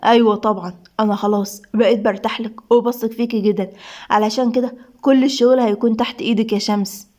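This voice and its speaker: Woman narrator as a smooth secretive Egyptian man, bright and quick. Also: a little high, fairly even intonation, lightly acted. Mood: friendly. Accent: Egyptian Arabic. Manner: smiling, ends in whispers.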